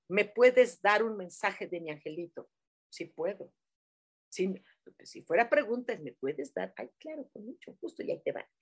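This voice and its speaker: A woman with a Mexican accent talks casually to her live audience. She calls people sweet pet names and stops often to hesitate and restart. Her pace is relaxed and her delivery is chatty and unscripted. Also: on the high side, breathy edge. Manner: warm, chatty, many fillers, affectionate terms. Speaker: livestream host giving angel messages. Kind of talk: casual live-chat reading.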